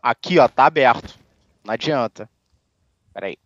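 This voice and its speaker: A man co-hosting a casual gameplay livestream, slangy and relaxed, thanking viewers. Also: medium pitch, normal speed, highs cut off. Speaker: streamer, co-host.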